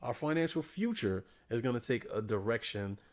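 A young man with a gravelly, creaky voice and a middling pitch, co-hosting a podcast. He talks in a blunt, profane, joking way and gives his opinions in loose casual chat. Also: expressive, moderate pace. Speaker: podcast co-host.

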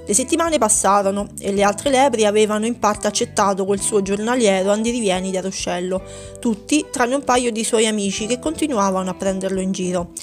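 A woman narrating a children's story in a steady, gentle storytelling manner. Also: mid-range voice, brisk, faint music behind.

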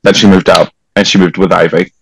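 A man from Portugal with a Portuguese accent, guesting on a podcast and chatting casually, animated and quick to jump into high exclamations. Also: gravelly, slightly rough, no echo, rough recording. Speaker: podcast guest, drag performer. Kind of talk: casual chat.

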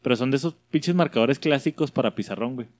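A young man with a Mexican Spanish accent talks fast at medium pitch in a dry recording. Chatting casually, he tells stories full of slang and acts out the voices of the people he quotes.

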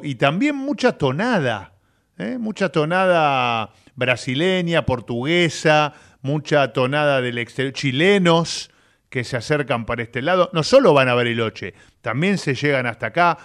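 A man with a Rioplatense Spanish accent, hosting a radio show in chatty, animated talk full of filler tags. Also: medium pitch, clear, resonant tone. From Argentina. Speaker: radio host. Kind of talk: casual radio chat. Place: radio studio.

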